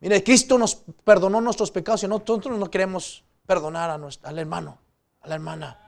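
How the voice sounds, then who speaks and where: Male preacher, high-pitched, sermon, loud-to-quiet swings, acted-out pleas. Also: steady tone, brisk, gravelly. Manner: swings between loud pleading and low quiet asides; addresses the congregation as "hermanos" often.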